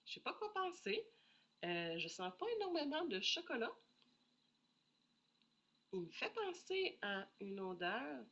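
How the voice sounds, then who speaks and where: A woman with a Québécois French accent and a head cold chats casually on her own while reviewing perfume samples, thinking aloud and apologizing often. Her voice is high, gravelly and a bit bright, very animated yet unhurried, with long pauses. The audio is dull.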